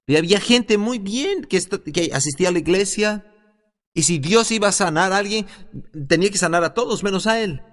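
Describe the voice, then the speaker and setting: A man teaching a Bible institute class as a sermon, telling a story earnestly with halting restarts and rising to loud, emphatic peaks. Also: high-pitched. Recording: reverberant hall.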